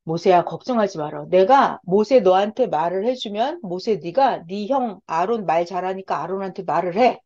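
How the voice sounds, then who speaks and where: A woman's voice: mid-range voice, lively intonation, normal speed, few pauses, dark tone, highs cut off, pitched below the performer's own voice, natural voice. A woman voicing a firm, commanding God. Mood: reassuring. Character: commanding God, stern but reassuring.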